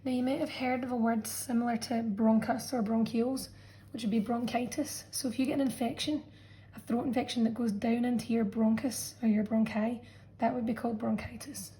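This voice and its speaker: A woman's voice: a little high, steady tone, a little fast, few pauses, warm tone, slight background noise, poor audio. A woman science teacher talking students through a revision lesson, explaining patiently and checking in with "okay" as she goes. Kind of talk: revision lesson narration over a drawn diagram.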